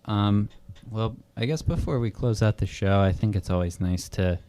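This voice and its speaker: A young man hosting a college radio show, speaking in halting, hesitant phrases. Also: lowish voice, mellow, a little hiss or hum. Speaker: radio host. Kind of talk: casual radio chat.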